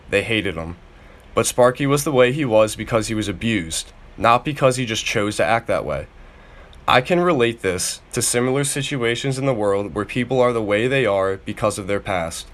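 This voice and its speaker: A young man reading his own personal memoir aloud, steady and earnest, letting his sentence ends fall away softly. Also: lowish voice. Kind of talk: read-aloud personal narrative.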